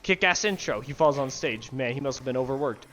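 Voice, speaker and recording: Speaking a little fast and with animated delivery, a young man vents to camera about games he hates, full of profanity, sarcasm and tangents. His voice is medium in pitch and fairly bright. The bedroom headset recording carries a little hiss or hum.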